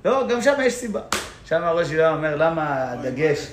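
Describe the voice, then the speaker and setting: A man teaching a Torah class in a synagogue, explaining points of law in an animated way and laughing as he tells stories. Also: fairly high pitch, background noise. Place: synagogue hall. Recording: echoey room.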